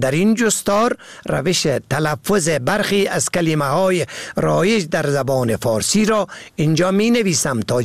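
A man presenting a scripted radio language lesson, slowly spelling out words letter by letter. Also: on the high side, gravelly, dry recording. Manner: slow, careful spelling out of words.

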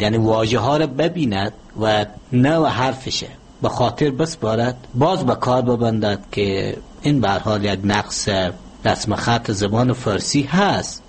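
Man, interview guest, measured lecturing tone, mid-pitched, slight background hiss. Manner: measured, lecturing, with hesitant fillers. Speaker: language expert guest. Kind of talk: formal interview explanation.

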